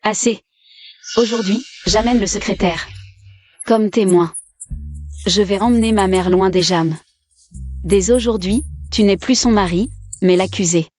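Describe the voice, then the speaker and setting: A woman's voice: mid-range voice, a little slow, long pauses, a little mellow, faint music behind, lightly acted. A woman playing a defiant, protective young wife in a dubbed drama, blunt and commanding. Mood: defiant, threatening. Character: defiant, sharp-tongued young wife and daughter, fiercely protective. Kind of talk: dubbed short-drama acting.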